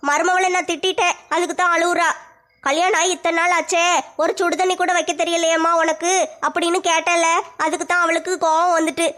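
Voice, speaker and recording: Woman as a very high-voiced, fast-scolding mother-in-law, comedy sketch. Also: little pitch movement, a bit bright. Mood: sarcastic. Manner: scolding, sly, fast-talking. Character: scheming sharp-tongued middle-aged mother-in-law. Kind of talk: comic family sketch acting.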